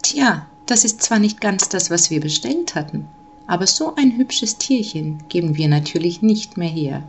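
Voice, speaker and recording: A woman's voice: lowish voice, sing-song, normal speed, a little hiss or hum. A woman doing a friendly, cheerful mother. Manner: warm, cheerful.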